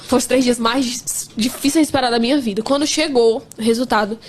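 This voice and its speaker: A woman's voice: a little high, fairly quick, slight background noise. A woman in her twenties, pregnant, telling her faith testimony in an earnest, emphatic casual way. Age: 20s. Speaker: guest sharing a testimony.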